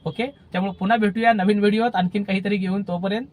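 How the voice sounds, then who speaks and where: A man talks straight to his viewers as a driving instructor, his voice sitting high for a man. He speaks earnestly and keeps circling back to the same pleading advice in a casual, conversational way. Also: fairly even intonation, fast talker.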